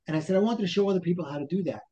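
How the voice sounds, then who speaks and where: A man's voice: high voice, rapid-fire, warm tone, highs cut off. A man with a Brooklyn accent explaining things as a life coach in an interview, motivational, posing questions and voicing people's self-talk. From Brooklyn, New York. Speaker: life coach, podcast guest.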